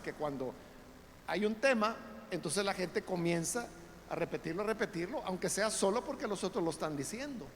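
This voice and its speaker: High-voiced pastor preaching. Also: male voice. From El Salvador. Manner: conversational preaching, addresses listeners as brothers, frequent tag questions; builds to loud emphatic peaks. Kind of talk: Bible study sermon. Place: church. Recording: reverberant church hall, faint background noise.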